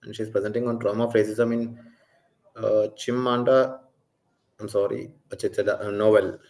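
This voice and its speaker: A man's voice: on the low side, level tone, moderate pace, darkish tone. Man chairing an academic session. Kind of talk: moderating an online conference. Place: online video call.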